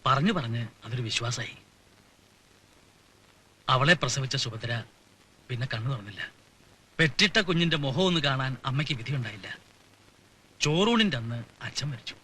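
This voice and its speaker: A man's voice: medium pitch, lively intonation, normal speed, pauses often, sharp tone, slightly rough. An actor playing a grieving uncle who speaks tenderly to his niece and turns indignant with family elders, in a film with a background score. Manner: earnest, reproachful, rising to indignation. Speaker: uncle figure, Unnimaman.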